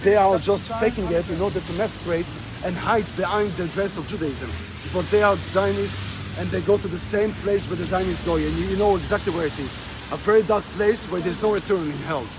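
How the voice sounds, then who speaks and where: Interviewed outdoors on a rainy street, a man with a high, brisk voice presses his points emphatically and keeps repeating himself. Street noise and passing cars can be heard.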